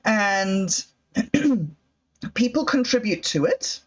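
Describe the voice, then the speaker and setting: A female livestream host with a medium-pitched, expressive voice stretches out her words as she talks over her projects in a tentative, self-doubting way. Her casual monologue is recorded in somewhat dull lo-fi quality.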